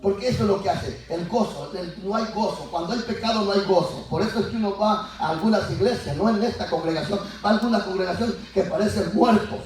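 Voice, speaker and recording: A pastor preaching an animated Pentecostal sermon to his congregation, acting out biblical voices and building to shouts. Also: high-pitched, fast talker, hardly any pauses, slight background noise. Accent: Latin American Spanish. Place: church sanctuary. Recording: echoey church heard from far off. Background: congregation answering.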